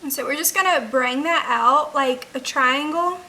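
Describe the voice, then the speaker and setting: Casting: young adult woman, high-pitched and bright, for casual makeup tutorial talk. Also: moderate pace, rough recording. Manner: informal, frequent "like" as filler. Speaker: beauty vlogger. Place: indoors, rain audible outside.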